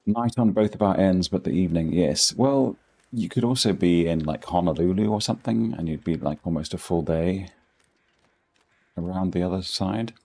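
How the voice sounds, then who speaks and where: Chatting casually with viewers while gaming, a middle-aged man from England rambles in a posh accent, full of dry self-deprecating humour. The streamer's voice sits low at a moderate pace, with a dark, slightly rough tone.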